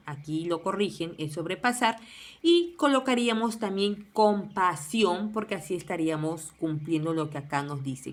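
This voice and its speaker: A woman teacher giving a spelling lesson, sounding out word endings one by one. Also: lowish voice.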